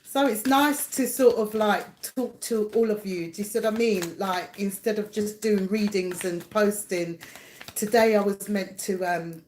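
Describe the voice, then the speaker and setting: A woman's voice: medium pitch, unhurried, darkish tone, a little hiss or hum. Chatty woman. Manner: chatty, rambling, laughs often, greets viewers by name. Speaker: livestream host and psychic reader. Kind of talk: casual live chat with viewers. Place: home, indoors.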